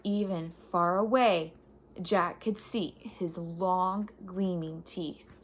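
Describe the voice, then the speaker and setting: A woman with a voice on the low side reads a children's chapter book aloud, dramatizing the story vividly and emphasizing words on purpose.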